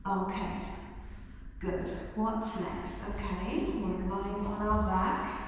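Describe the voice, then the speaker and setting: A woman instructing an exercise class as she demonstrates, cueing gently in short repeated phrases. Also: mid-range voice, level tone, slow pace. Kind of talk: guided exercise class, talking while demonstrating. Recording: very echoey room, distant mic, faint noise.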